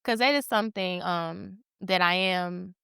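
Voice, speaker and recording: A woman who is a guest on a podcast, talking in a soft-spoken, casual way. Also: lowish voice, unhurried, creaky, smooth, no room sound, clean studio sound. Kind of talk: casual chat.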